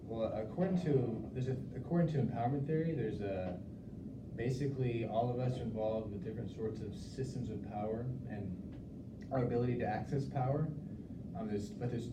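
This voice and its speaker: A man's voice: medium pitch, brisk, natural voice. A young man playing an earnest, rambling social worker. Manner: rambling, many restarts and fillers. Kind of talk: class role-play. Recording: roomy, distant, loud background noise.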